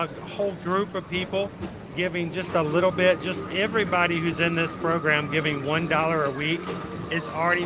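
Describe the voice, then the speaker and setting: A man hosting a casual livestream, chatting directly to his viewers. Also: a little high. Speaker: livestream host and travel agent. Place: outdoors in a busy theme park. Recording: loud outdoor theme park noise. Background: ride announcements, vehicles, park ambience.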